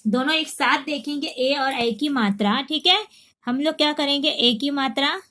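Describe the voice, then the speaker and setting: A woman teaching a Hindi reading lesson, slowly and clearly sounding out syllable after syllable and checking that the class follows. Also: high voice, sharp tone. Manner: slow, clear drilling of syllables; repeats and checks understanding.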